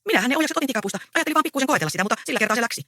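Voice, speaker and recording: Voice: sits high, lively intonation, pushed and bright, no room sound, clean studio sound, pitched above the performer's own voice, exaggerated voice. A reader voicing a mischievous, cheeky young peasant girl in a stage play read aloud. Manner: cheeky, eager.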